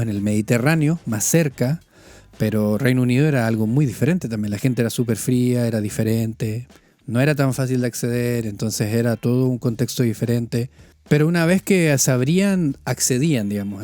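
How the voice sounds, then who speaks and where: A man's voice: medium pitch, mellow, dry recording. A man from northern Chile with a Chilean accent, hosting a podcast in casual conversation, chatty with many restarts. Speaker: podcast host. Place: living in France.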